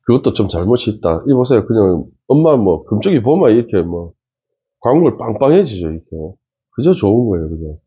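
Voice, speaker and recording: Man, low husky voice, lively swinging pitch, emphatic commentary, dull lo-fi sound. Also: fairly quick. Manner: emphatic, talks straight to viewers. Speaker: face-reading commentator. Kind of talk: casual commentary on a TV show.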